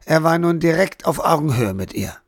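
A man reading an audiobook aloud as narrator, in a steady, even storytelling manner. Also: a little high, moderate pace, dry recording. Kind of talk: scripted narration.

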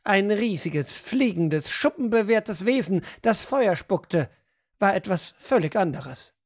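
Woman, audiobook narration, measured, expressive, fantasy storytelling. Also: mid-range voice. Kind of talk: scripted narration.

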